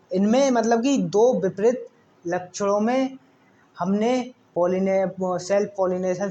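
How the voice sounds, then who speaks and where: A man's voice: high-pitched, warm tone, dull audio. A man teaching a science lesson, often repeating words and asking the class questions. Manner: repetitive, asks the class questions.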